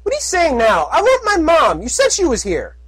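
A man voicing a small, frantic young pony filly who calls and pleads in a high, shouting voice. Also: huge pitch swings, a little fast, dry recording, exaggerated voice. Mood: pleading.

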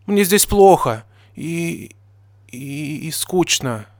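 A man's voice: on the high side, animated, very slow, no room sound, studio quality, voice pushed up, full character voice. A man doing a stammering pony mare. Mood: whiny. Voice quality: stammering, tearful. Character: timid stammering cross-eyed pegasus pony mare.

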